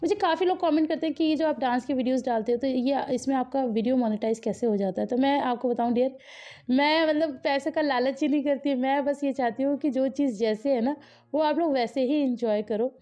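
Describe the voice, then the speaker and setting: Chatty lady vlogger doing voice-over, kinda high pitched, soft warm tone, asks viewers stuff. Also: brisk, dull audio. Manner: chatty, talks straight to viewers, quizzes them. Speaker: family vlogger. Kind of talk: casual voice-over narration of a wedding vlog.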